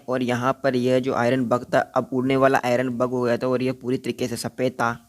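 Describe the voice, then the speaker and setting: A man narrating an episode recap in a steady, monotone telling, ending with a request to subscribe. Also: mid-range voice.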